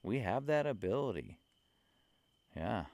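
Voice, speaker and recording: A man talking slowly and earnestly about spiritual experiences into a handheld mic, with many fillers and soft laughs. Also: on the low side, very animated, no room sound. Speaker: spiritual vlogger. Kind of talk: casual spiritual talk to camera.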